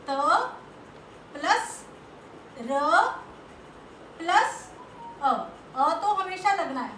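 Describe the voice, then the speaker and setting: Slow, bright-voiced woman teaching children letters. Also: very high-pitched. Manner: slow, patient, asks questions and answers them herself; sounds out letters and stretches syllables. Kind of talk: Hindi lesson for young children. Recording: echoey room with faint background noise.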